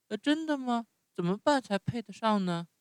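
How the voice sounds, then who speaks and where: Man playing a wooden puppet boy, high squeaky, eager, hesitant "uh"s, lively pitch, dry sound. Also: moderate pace, clear, resonant tone, dry recording. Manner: high squeaky boyish voice, often starts with "uh". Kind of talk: bedtime story reading.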